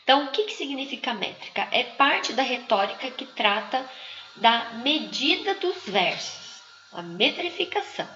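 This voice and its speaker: A woman teaches from slides at an unhurried pace, drawing out each example word. Her voice is bright and sits a little high. The recording is muffled and carries a roomy echo. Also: slight background noise. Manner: slow, didactic, stretching out example words. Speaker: teacher trainer. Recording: muffled, echoey room.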